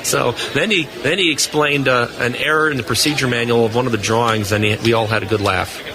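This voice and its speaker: A man with a medium-pitched, steady voice talks a little fast as the guest in a live interview at a booth on a convention floor. He works as a radio equipment test engineer and gives explanatory, unscripted answers while a crowd makes noise in the background.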